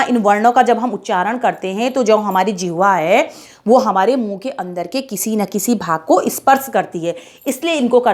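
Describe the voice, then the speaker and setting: A woman teaching a children's alphabet lesson, reciting letters slowly and repeating her own questions and answers for the pupils. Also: on the high side.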